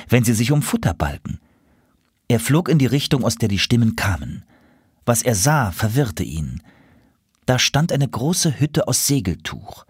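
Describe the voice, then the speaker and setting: A man reading a children's story aloud, calm and expressive. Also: mid-range voice, husky, dry recording, studio quality.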